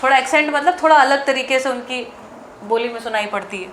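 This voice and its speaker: A woman teacher with an Indian accent, drilling English grammar sentences in a classroom lesson, slow and word by word. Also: high voice, noisy background.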